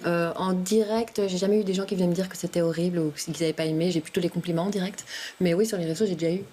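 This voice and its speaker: A woman's voice: lowish voice, fairly even intonation, quick pace, mellow, slight background noise. A woman comedian interviewed on a talk show, answering hesitantly with many fillers and restarts. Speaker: comedian guest. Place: TV studio.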